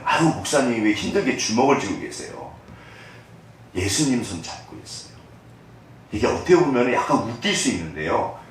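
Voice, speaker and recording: A man preaching a conversational sermon as pastor, swinging between hushed asides and animated bursts. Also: on the low side, slight background noise. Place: church sanctuary. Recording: echoey church hall from far off.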